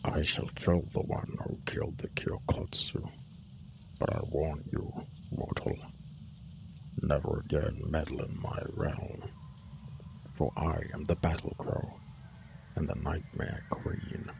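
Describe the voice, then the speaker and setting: A male narrator voicing an ancient, menacing female crow spirit who rules the realm of nightmares, speaking slowly and commandingly in a hollow, gravelly voice. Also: rumbling low, flat delivery, noisy background, heavily acted. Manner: commanding, threatening.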